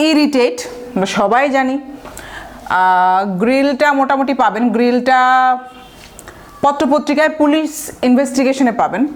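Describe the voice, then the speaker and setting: High-voiced woman with a Bangladeshi accent, patient online vocabulary tutor who repeats words aloud. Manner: explains patiently, repeats words to drill pronunciation. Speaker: vocabulary teacher. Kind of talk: recorded online lecture.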